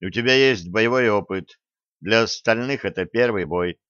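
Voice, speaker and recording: A man voicing a stern, grief-stricken male battalion commissar with clipped, hoarse military speech in an audiobook character reading. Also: on the low side, moderate pace, fairly bright tone, no echo, lo-fi sound, lightly acted.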